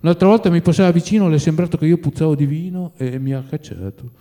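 A man's voice: on the high side, quick pace, dark tone, natural voice. A man doing an old, lamenting servant. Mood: grumbling. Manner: plaintive, sighing, pious grumbling. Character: old male servant, poor, drinking, lamenting.

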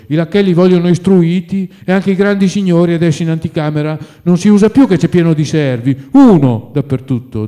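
A man's voice: fairly high pitch, warm tone. A man voicing a poor old male servant who grumbles, sighs and laments in a plaintive, pious way.

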